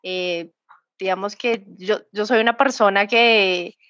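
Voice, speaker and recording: This is a woman in her thirties with a Bogotá Colombian accent, answering interview questions in a halting way full of fillers and restarts. Her voice comes through dry and muffled, like dull lo-fi remote audio. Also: medium pitch, fairly even intonation, fairly bright tone, dry recording. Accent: Bogotá Colombian Spanish. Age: 30s. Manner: hesitant, many fillers and restarts. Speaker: guest. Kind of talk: conversational interview.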